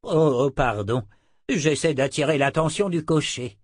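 Sharp-tongued elderly man with amnesia, testy and sarcastic, slightly raised pitch, read by a man. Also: expressive, a little slow, no echo, clean studio sound. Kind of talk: audiobook character voice.

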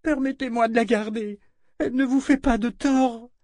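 Man voicing a little servant girl, high, small, pleading, storybook, dry sound. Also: a little slow, dry recording. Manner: whimpering then threatening. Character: frightened little servant girl turning defiant. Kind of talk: storybook read-aloud voice.

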